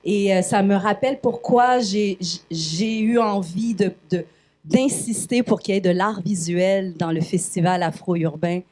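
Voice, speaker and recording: A woman hosting a festival event, introducing and interviewing an artist with enthusiastic, warm questions. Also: mid-range voice, a little slow. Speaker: festival host.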